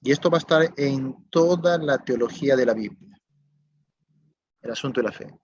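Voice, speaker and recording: A man's voice: mid-range voice, moderate pace, a little hiss or hum. A male pastor preaching a sermon, asking rhetorical questions and checking that listeners follow. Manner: rhetorical questions with tag checks, swings from loud to soft. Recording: dull lo-fi dry recording.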